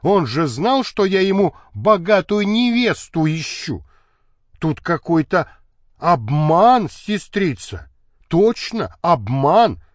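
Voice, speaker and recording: A man's voice: a little high, big pitch swings, slow pace, no room sound, studio quality. A man reading an audiobook, voicing a sly young noble wife who talks sweetly and coaxingly. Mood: soothing.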